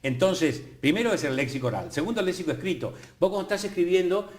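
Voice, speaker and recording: An older Argentine man lectures in a professorial, lively way on a TV talk show. His voice sits a little high for a man. The studio sound is roomy, with echo around him. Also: fast. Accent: Argentine Spanish. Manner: professorial, lively, playful asides. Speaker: guest, academy president. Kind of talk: explanatory TV studio conversation.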